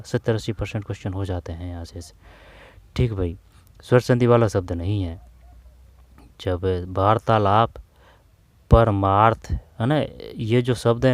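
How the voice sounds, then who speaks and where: A man teaching an exam-prep grammar lesson, repeating terms slowly and often calling his viewers "brother". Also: on the low side, darkish tone, no room sound. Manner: repetitive, drawn-out explaining, addresses viewers as bhai.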